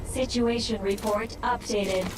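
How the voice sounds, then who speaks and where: A woman playing a brisk, composed mission-support officer giving instructions in a video game. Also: fairly high pitch, steady tone, far from the mic, background noise, close to an everyday voice. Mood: businesslike.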